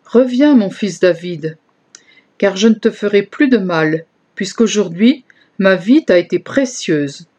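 A woman voicing a remorseful older male king in a scripture reading, measured and contrite. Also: medium pitch, expressive, a little mellow.

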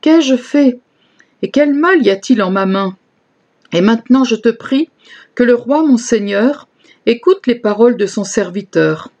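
A woman's voice: a little high, lively intonation, measured pace, darkish tone, lo-fi sound. A woman voicing an earnest young male leader in a scripture reading, solemn and pleading.

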